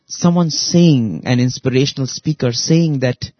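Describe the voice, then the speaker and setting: A man hosting a radio show, giving a reflective spiritual talk in a slow, deliberate way with long pauses. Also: medium pitch, no room sound, dull audio. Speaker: radio host.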